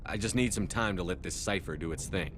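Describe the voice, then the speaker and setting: A man's voice: deep voice, fairly quick, music in the background, lightly acted. A man playing a stern, resolute space military commander in a video game, terse and commanding. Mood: calm.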